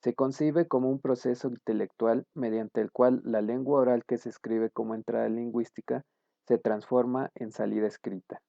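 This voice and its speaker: A man, a student, reading his class presentation in a steady, explanatory way. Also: mid-range voice, normal speed, gravelly, dry recording, lo-fi sound.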